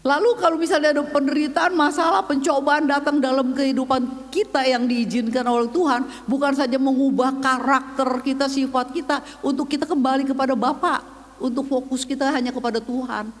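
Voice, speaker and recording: An older woman giving a testimony sermon, telling her story with lively voices for the people she quotes. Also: high-pitched, a little fast. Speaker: preacher. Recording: long hall reverb.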